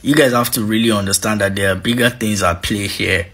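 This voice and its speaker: A man's voice: on the low side, fairly even intonation, fairly quick, a bit bright, husky. A man giving an impassioned activist speech, fiery and exhorting, repeating his points for emphasis. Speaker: activist speaker.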